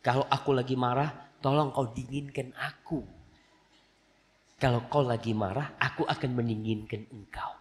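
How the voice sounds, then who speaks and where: A man's voice: medium pitch, normal speed, long reverb tail. A man preaching a sermon, telling stories animatedly and acting out the voices of the people in them, mixed in. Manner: animated storytelling, acts out quoted voices. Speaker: Islamic preacher.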